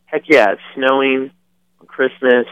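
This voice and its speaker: A man's voice: mid-range voice, steady tone, measured pace, a bit bright, smooth, highs cut off. A man calling in over the phone as a musician guest, chatting in an easygoing way and laughing easily. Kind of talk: casual chat.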